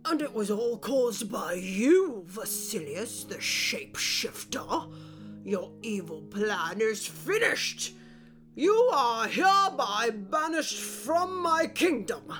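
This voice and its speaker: A scatterbrained fairy-tale king, acted out by a woman in a comic audio drama. The delivery is slow and blustering, with huge swoops in pitch and faint music behind. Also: sing-song, fairly bright tone, heavily acted. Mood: indignant. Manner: blustering, dithering.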